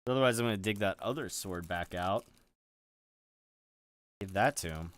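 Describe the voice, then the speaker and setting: A man's voice: deep voice, moderate pace, no room sound. A man streaming, chatting casually with viewers while he builds. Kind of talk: casual live-stream chat.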